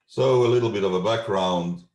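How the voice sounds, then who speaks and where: A middle-aged man with an Estonian accent giving a scientific talk over a video call, measured and full of ums and uhs. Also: lowish voice, a little mellow. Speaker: genetics researcher giving a talk. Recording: echoey room.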